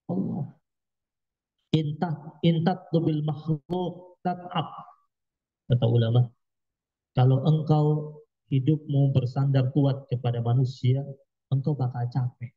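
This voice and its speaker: A man's voice: a little high, slightly rough, lo-fi sound. A man giving an Islamic sermon at a study gathering, emphatic, full of rhetorical questions and dramatic quoted outbursts. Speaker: preacher.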